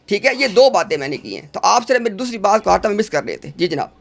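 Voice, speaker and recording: A man's voice: sits high, sing-song, vocal fry. A man in a heated religious debate over a video call, insistent, interrupting and repeating himself.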